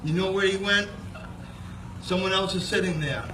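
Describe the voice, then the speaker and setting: High-voiced folksy man, distant and echoey. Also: normal speed. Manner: folksy, second-person yarn-spinning. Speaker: moose-calling contestant telling a story. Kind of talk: humorous storytelling with moose call demonstrations. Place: outdoor fair in Maine. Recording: distant, echoey, noisy outdoor fair recording.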